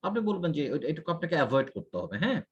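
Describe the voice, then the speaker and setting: A man's voice: a little high, sing-song, very fast, muffled recording, a little hiss or hum. A man, an IELTS tutor going through a student's mistakes point by point. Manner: corrective, explains mistakes point by point. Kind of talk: one-on-one feedback lesson.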